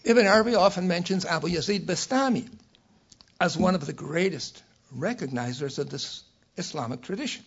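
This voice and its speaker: An older man giving a scholarly lecture from a prepared text, in a measured, erudite professorial manner with a raspy voice. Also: high voice, dull audio. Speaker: academic lecturer.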